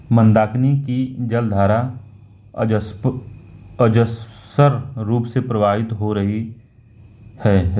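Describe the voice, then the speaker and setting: A man working through a Hindi exam paper as a teacher, slow and repetitive, often correcting himself. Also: on the low side, dark tone. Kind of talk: talking through a Hindi test question by question.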